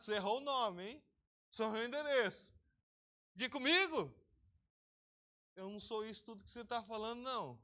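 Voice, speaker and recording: A man preaching a sermon as pastor of an online church service, lively and talking directly to his congregation by name. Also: high-pitched. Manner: lively, talks straight to the congregation, calls people by name.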